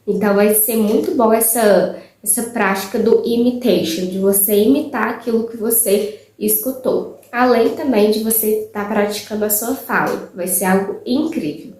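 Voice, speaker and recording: A woman teacher giving casual study tips to viewers, chatty and warm with frequent filler words. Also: mid-range voice, moderate pace, roomy sound. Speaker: English teacher.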